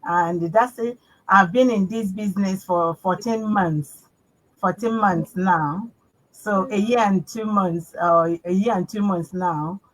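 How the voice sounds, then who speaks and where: A woman from Nigeria introducing herself as a guest on a video call, slow and repeating herself. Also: medium pitch, low-quality recording. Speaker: panel guest. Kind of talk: casual live chat.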